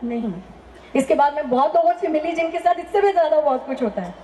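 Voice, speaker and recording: A woman's voice: high-pitched, expressive, fast talker, mellow, reverberant, muffled recording, a little hiss or hum. A woman telling a personal faith testimony in an earnest, emphatic way, often asking rhetorical questions. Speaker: testimony speaker.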